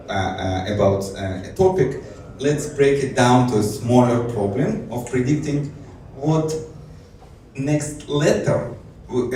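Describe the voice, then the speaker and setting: Heard off-mic and from afar in a big, echoing conference hall, with a faint hiss underneath, an Israeli man presents a technical talk. He has a mellow, dark, middle-pitched voice and hesitates often, restarting and using fillers, occasionally laughing lightly at himself.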